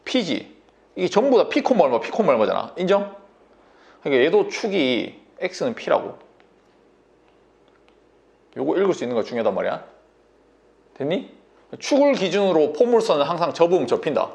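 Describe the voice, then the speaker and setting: Coaxing, gravelly male math tutor. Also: on the high side, very animated, normal speed, pauses often, a little mellow. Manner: bossy, coaxing banmal, constant checks like "인정?" and "됐니?". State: sore throat. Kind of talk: whiteboard math lesson.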